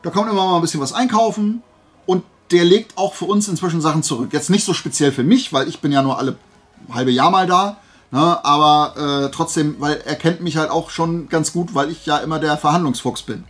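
A slightly high, fairly bright male voice moves at a fairly quick clip. He's a flea market haul host, rambling in a chatty, digressive way and often catching and fixing his own words.

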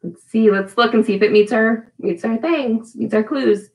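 In a small room at home, a preschool teacher in her thirties runs a children's storytime lesson with songs, encouraging the kids and posing simple questions. Her voice sits a little high and sounds a little mellow, at a normal speed.

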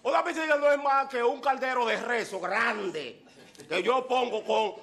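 A man's voice: very high-pitched, a little slow, vocal fry, fairly bright tone. A man doing a boisterous stand-up comedy monologue, full of exaggeration and punchy repeated lines. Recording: live show with audience laughter.

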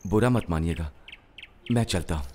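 A man's voice: low voice, moderate pace, noisy background, close to an everyday voice. An actor playing an anxious young man who promises his mother he will find work, in dubbed film dialogue. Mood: somber. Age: young adult. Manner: earnest, pleading.

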